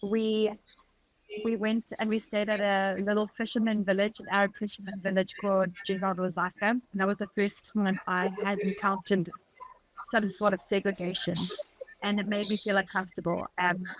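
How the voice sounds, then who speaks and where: A woman's voice: mid-range voice, flat delivery, low-quality recording. Earnest South African woman telling her story. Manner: earnest, reflective, talks in short halting bursts. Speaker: podcast guest. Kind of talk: personal storytelling in an interview.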